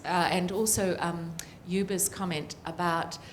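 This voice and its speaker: A woman's voice: on the low side, steady tone, unhurried, a little hiss or hum. A middle-aged woman with a New Zealand accent, speaking earnestly as a panelist and political scientist with frequent ums. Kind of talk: panel discussion remarks.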